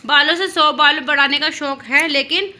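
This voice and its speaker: Young mom vlogger, high and very bright voice, chatty and teasing, recorded at home. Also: female voice, moderate pace, a little hiss or hum. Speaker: vlogger and mother. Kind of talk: casual home vlog chat.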